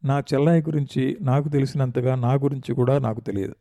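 A man's voice: mid-range voice, fairly even intonation, fast, mellow, no room sound, close to an everyday voice. A man voicing a proud, lordly elder brother who speaks heartily and with self-assurance in a story reading. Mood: hearty. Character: loud, lordly older brother, proud and blunt.

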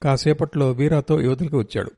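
Mellow male story narrator. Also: a little high, steady tone, a little fast, no room sound, clean studio sound. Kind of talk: reading a novel aloud.

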